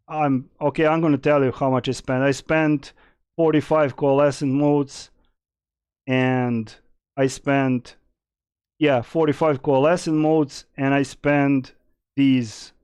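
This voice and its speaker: A man's voice: medium pitch, fairly even intonation, takes it slowly, pauses often, a little mellow, clean tone, no echo. A young man from Serbia, casually streaming and answering chat questions in a rambling way with many fillers. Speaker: game streamer.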